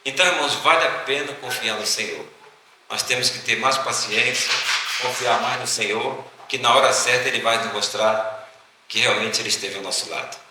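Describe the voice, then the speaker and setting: Pastor preaching in an echoing church. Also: male voice, medium pitch, moderate pace, pushed and bright, slight background noise. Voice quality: storytelling preacher, acts out dialogue. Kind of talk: sermon. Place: church hall. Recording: echoey church hall from far off.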